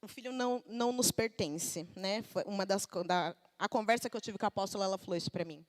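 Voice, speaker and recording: A woman's voice: medium pitch, fast. A Brazilian woman in her thirties preaching a sermon at a church service, talking conversationally with the congregation and acting out everyday quotes. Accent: Brazilian Portuguese.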